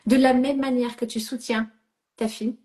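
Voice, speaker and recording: A middle-aged woman coach with a fairly high voice leads a live coaching session. She is directive and steady, keeps checking that she is understood, and now and then drops an English phrase into her French. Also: normal speed.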